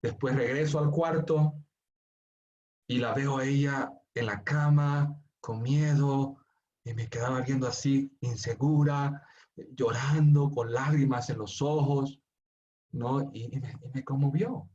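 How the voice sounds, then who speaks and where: A man from Bolivia preaching as a pastor, turning from hushed, tender storytelling to emphatic pleading. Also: medium pitch, steady tone, takes it slowly, lo-fi sound. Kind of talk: sermon.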